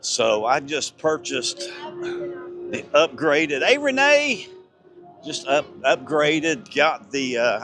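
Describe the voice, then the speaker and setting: A man live-streaming as he walks through an outdoor theme park at night, excited and a little breathless, rambling and chatting with passersby on a handheld phone. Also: mid-range voice. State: slightly breathless. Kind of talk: casual walking live-stream chat.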